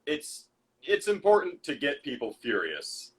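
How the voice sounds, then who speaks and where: A man's voice: on the high side, wildly swooping pitch, measured pace, breathy edge. A man co-hosting a podcast in casual chat, dry and joking as he reads out messages from the chat. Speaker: podcast co-host.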